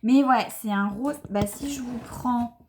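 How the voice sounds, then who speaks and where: A woman's voice: a little high, a little slow, noisy background. A young woman, chatting enthusiastically to camera as she unboxes beauty products, with many fillers. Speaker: beauty vlogger. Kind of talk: casual unboxing chat to camera.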